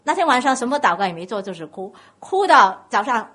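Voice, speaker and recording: A woman from Guangdong, China, speaks with a Cantonese accent in a slightly high, fairly quick voice. She is preaching a sermon, telling stories in an animated way and putting questions to the congregation.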